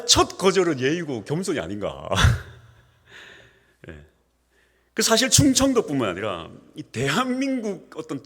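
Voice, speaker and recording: A male pastor preaching a sermon, swinging between soft asides and emphatic peaks. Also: on the high side. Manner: acts out homely dialogue with humor. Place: church sanctuary. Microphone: microphone with feedback trouble. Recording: reverberant church hall.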